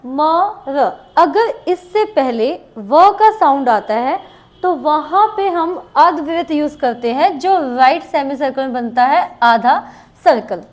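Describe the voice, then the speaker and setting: High-pitched woman, unhurried shorthand teacher who repeats each example. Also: lively intonation. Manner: slow, repeats each example word twice. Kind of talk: classroom lesson with board writing.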